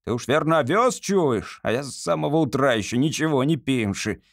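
A man's voice: mid-range voice, expressive, moderate pace, no room sound, studio quality. A man voicing a coarse, thirsty old cab driver who bawls at his horse and cadges drinks. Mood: rowdy. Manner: bawling, coarse shouts.

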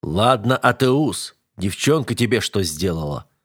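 A man's voice: on the low side, lively intonation, a little slow, breathy edge. A man voicing a stern elder brother, a young nobleman, in an audiobook. He speaks in curt, commanding bursts. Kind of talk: audiobook character voice.

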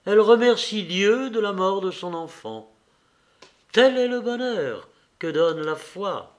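A man's voice: sits high, expressive, slow pace, pitched above the performer's own voice. A man voicing a fervent, pious aristocratic countess who speaks emphatically.

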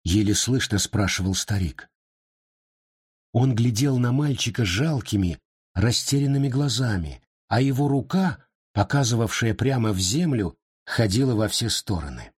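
A man reading a story aloud in a measured, expressive storytelling manner. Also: on the low side, breathy edge. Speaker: narrator. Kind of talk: scripted audiobook narration.

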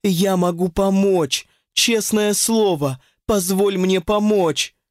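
A man's voice: fairly high pitch, animated, unhurried, a little mellow, no echo, clean studio sound, pitched above the performer's own voice. A man reading an audiobook, voicing an insistent, pleading middle-aged witch in a raised voice. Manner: insistent, pleading, honeyed when coaxing.

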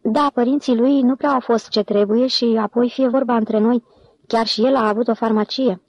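A man's voice: extremely high pitch, steady tone, no echo, dull audio. A woman voicing a sly, gossipy male office clerk who talks eagerly and confidingly.

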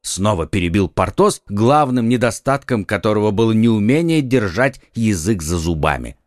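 A man narrating a children's audiobook in an expressive, varied way. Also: on the low side, moderate pace, no room sound, studio quality. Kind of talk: scripted narration.

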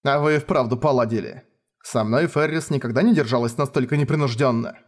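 A man voicing a calm, sly young king who speaks politely and teasingly. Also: mid-range voice, a little fast, lightly acted. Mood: friendly.

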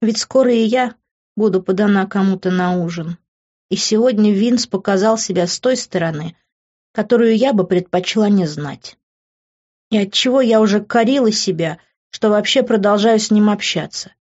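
A woman's voice: mid-range voice, moderate pace, darkish tone. A woman narrating a first-person novel expressively, on a dull lo-fi recording. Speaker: audiobook narrator.

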